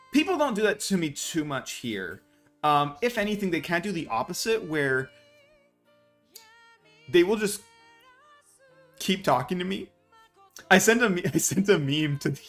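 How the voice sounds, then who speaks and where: An American man in his thirties, chatting casually and animatedly to a live stream audience with a self-mocking streak. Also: fairly high pitch. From United States. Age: 30s. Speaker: VTuber streamer.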